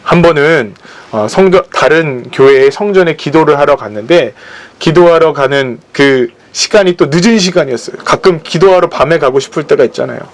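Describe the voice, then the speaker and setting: Here the preacher's voice is fairly high and a bit fast. Telling personal anecdotes at a church service, he brings the quoted characters to life by imitating how they sounded.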